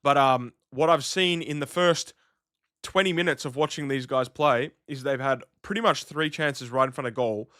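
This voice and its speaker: A man's voice: medium pitch, moderate pace, bright, forceful tone, no room sound, studio quality. A man casually chatting on a live stream while commentating a football match and reading out his list of vintage jersey clubs. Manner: chatty, loose, reacting to chat and soundboard clips.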